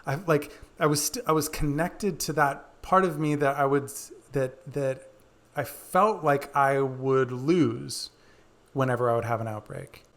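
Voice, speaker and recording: A man's voice: mid-range voice, a little slow, a bit bright. A man coaching through his own candid story, talking in an earnest, open, chatty way with lots of fillers.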